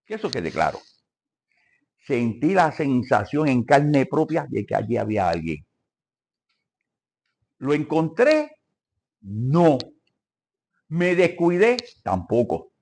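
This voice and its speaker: A man's voice: medium pitch, sing-song, takes it slowly, pauses often, a little mellow. An older man teaching a church Bible lesson, asking the congregation questions and calling for amens.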